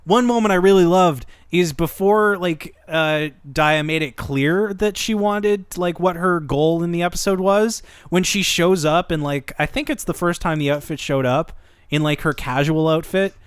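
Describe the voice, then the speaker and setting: Smooth-voiced casual male podcast co-host. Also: fairly high pitch, normal speed, no echo, clean studio sound. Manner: enthusiastic, swears freely, casual. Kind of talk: casual anime discussion.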